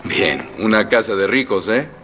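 Here an actor with a Mexican accent gives a jovial film dub of a middle-aged revolutionary general who teases, threatens and laughs loudly, shifting from soft menace to loud outbursts. His male voice sits on the low side, animated and at a measured pace. The soundtrack sounds dull, with long reverb and faint music.

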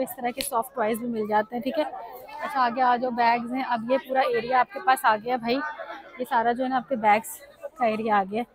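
High-voiced Pakistani woman vlogging at a crowded market. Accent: Pakistani Urdu. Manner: chatty, asks stall prices loudly over the noise. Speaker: shopping vlogger. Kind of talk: casual walk-through vlog. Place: crowded outdoor street market. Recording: busy crowd noise behind.

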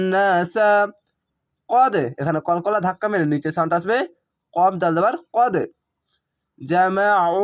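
A fairly high-pitched man leads a Quran reading lesson. He sounds out syllables one by one, then rushes through his explanations in a relaxed, conversational way. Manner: spells out Arabic syllables slowly, then explains in quick conversational asides. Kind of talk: spelling-out recitation lesson.

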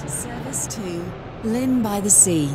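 A woman's automated platform announcement for a game railway, made of spliced-together recorded words that jump in pitch and loudness from word to word. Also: music in the background. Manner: stilted, slow, jumps in pitch and loudness between words. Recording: reverberant station loudspeaker.

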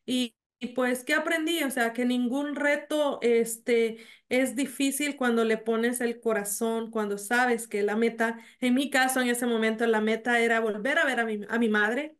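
A woman, telling her story haltingly over a video call, full of fillers and restarts. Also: fairly high pitch, fairly even intonation. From El Salvador. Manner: hesitant, many fillers and restarts. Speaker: mayor, interview guest. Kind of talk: remote interview. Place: small home office.

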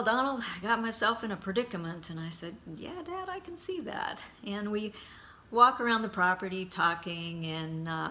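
Bright-toned man telling memories. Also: high-pitched, creaky. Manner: warm, halting anecdotes with frequent pauses. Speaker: son giving a eulogy. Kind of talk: heartfelt memorial storytelling.

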